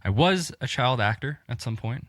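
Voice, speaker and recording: A man's voice: mid-range voice, expressive, normal speed, a bit bright, no room sound, clean studio sound. A young man, a guest on a podcast, chatting casually about his work in short, easygoing replies. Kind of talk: casual chat.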